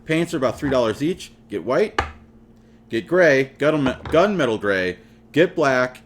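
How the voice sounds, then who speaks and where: A man's voice: mid-range voice, animated, unhurried, noisy background. A man hosting his own hobby channel, chatting casually and jokingly straight to his viewers. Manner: playful, jokey, talks straight to viewers. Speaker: channel host. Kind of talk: casual hobby vlog talk.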